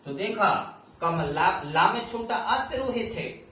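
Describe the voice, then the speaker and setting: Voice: medium pitch, lively intonation, takes it slowly, bright, forceful tone, a little hiss or hum. A teacher explaining a grammar lesson step by step, patiently repeating the key terms. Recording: very echoey room.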